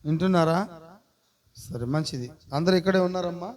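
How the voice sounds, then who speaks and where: High voiced pastor guy preaching sunday service, lots of hallelujah and goofy sheep bleats, back and forth with the crowd. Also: fairly quick, darkish tone. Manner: call-and-response preaching with frequent hallelujahs; playful, bleats like a sheep to the congregation. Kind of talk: sermon. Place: church service.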